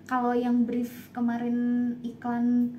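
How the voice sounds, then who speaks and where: A woman's voice: a little high, monotone, slow, dark tone, slight background noise. A young woman co-hosting a casual live chat, steering the topics and humming agreement. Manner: lots of agreeing hums, leads the topics. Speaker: co-host. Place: home, on a phone live stream.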